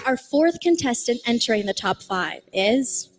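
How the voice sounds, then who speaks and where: A woman hosting a live pageant, announcing the finalists with drawn-out reveals. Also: fairly high pitch, expressive, over loud music. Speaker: pageant host.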